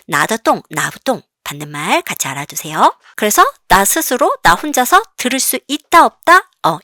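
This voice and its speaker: A woman teaching a language lesson, asking questions and answering them herself, and reading example sentences slowly and clearly. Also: medium pitch, sharp tone, no room sound, clean studio sound.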